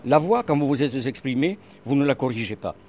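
An older man with a regional French accent answers questions in a radio interview. He hesitates with many fillers, then presses his points with earnest, emphatic conviction. His voice sits at an ordinary pitch for a man, with a faint noise underneath. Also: expressive, brisk, darkish tone. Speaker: monthly radio columnist.

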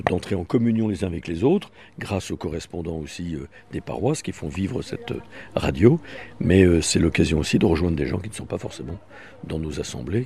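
A man, a bishop, answering in a radio interview in a measured, explanatory way with some fillers. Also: low voice, creaky, warm tone.

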